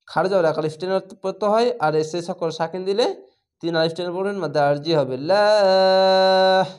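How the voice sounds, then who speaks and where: This spelling-out Quran lesson comes from a man with a Bangladeshi Bengali accent, whose voice is on the high side with a darkish tone. He breaks each word into letters and vowel marks, then blends the syllables into a drawn-out chant.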